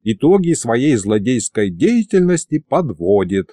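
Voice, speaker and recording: A homely old grandfather who fusses over his grandson, as a male narrator puts him on. His voice moves around a lot. The tone is soft and mellow, recorded dry. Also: medium pitch, big pitch swings, unhurried, dry recording. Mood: fussing. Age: older.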